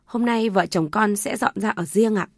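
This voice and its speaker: A woman's voice: medium pitch, moderate pace, dry recording, studio quality, lightly acted. A woman voicing a polite but firm young married son.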